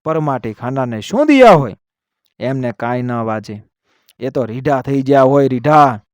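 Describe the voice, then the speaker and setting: A man's voice: mid-range voice, animated, measured pace, a little mellow, dry recording, lightly acted. A man voicing a scornful man in a village crowd who eggs others on. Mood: jeering.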